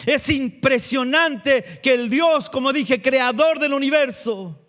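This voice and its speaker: High-voiced man preaching a sermon. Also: slow pace, a bit bright. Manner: preaches with rhetorical questions to the congregation. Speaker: pastor.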